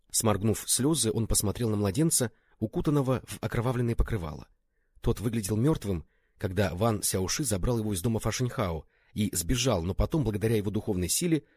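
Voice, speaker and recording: Low husky male audiobook narrator. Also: darkish tone, no echo, clean studio sound.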